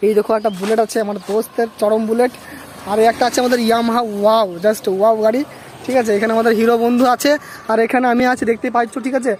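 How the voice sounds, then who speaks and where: A man's voice: very high voice, level tone, racing, darkish tone, a little hiss or hum. A young man from Bangladesh chatting casually to his viewers in a travel vlog while riding outdoors on a rural road, often checking in with them. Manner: chatty, keeps asking viewers "okay?". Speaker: vlogger.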